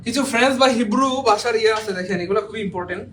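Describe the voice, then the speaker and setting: A man's voice: sits high, fast talker, background noise. A male teacher, leading an exam-prep grammar class and quizzing students with repeated questions and jokes.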